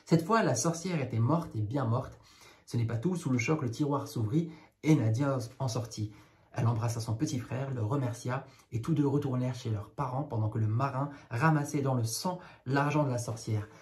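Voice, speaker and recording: A man's voice: medium pitch, normal speed, darkish tone. A man reading a children's tale aloud, breaking off now and then for casual, wry commentary. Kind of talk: read-aloud with jokey spoken asides.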